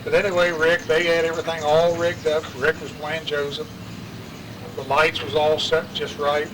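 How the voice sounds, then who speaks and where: A man's voice: a little high, level tone, moderate pace. Folksy older Appalachian man, noisy distant recording. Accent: Appalachian West Virginia. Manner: folksy, rambling, colloquial. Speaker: interviewee sharing family memories. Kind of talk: casual oral-history storytelling. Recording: distant mic, clear outdoor traffic noise.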